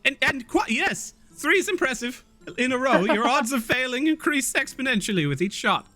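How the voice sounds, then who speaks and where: Man doing a high, gushing halfling carnival-goer, small and eager, stammers constantly; bright tone. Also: animated, unhurried, no room sound, soft background music. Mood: excited.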